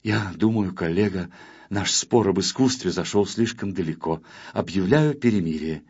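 A man voicing a dignified little male painter who speaks slowly and formally, making peace. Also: medium pitch, huge pitch swings, husky, heavily acted. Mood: conciliatory. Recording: dull lo-fi with faint music.

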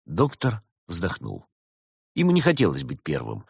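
Husky-voiced man narrating a fairy tale. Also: low voice, unhurried, no echo, clean studio sound. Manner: lively, wry storytelling.

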